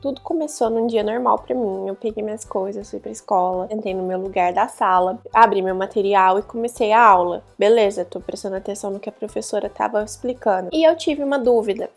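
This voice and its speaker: A young woman from Brazil telling a personal story to camera as a vlogger, earnest and emotional, with pauses and restarts. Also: medium pitch, gravelly, soft background music.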